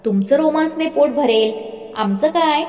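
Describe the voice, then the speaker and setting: A woman voicing a brash, teasing young man who talks loudly and whines cheekily. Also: on the high side, measured pace, natural voice. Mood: cheeky teasing. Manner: loud, cheeky, whiny. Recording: roomy reverb, faint music.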